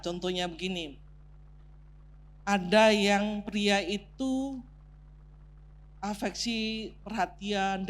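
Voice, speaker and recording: A woman's voice: mid-range voice, slight background noise. A woman preaching a sermon on marriage as a counselor, teaching point by point, sprinkling in English terms and drawing the congregation in. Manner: prompts the congregation to take part, laughs along. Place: church sanctuary.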